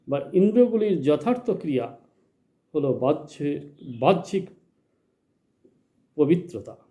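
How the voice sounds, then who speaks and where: A man teaching a spiritual lesson in a measured, explanatory way, asking questions and then answering them himself. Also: a little high, dark tone. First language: Bengali. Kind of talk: slow spoken religious lecture.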